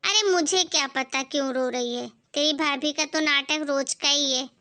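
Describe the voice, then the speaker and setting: A woman voicing a bossy, stingy middle-aged mother-in-law in an amateur family skit, speaking slowly in a scolding, dismissive way. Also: high voice, bright, forceful tone.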